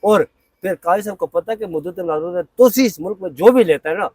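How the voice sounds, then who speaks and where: A man's voice: sits high, fast, darkish tone, dry recording. A man, a court reporter guest on a political talk show, speaking emphatically and rising sharply when he argues. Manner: emphatic, insistent, rises sharply when arguing.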